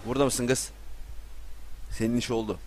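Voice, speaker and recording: A man commenting on his gameplay in a casual, excitable way, often yelling and joking. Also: medium pitch, moderate pace, a little hiss or hum. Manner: excitable, yells and jokes while playing.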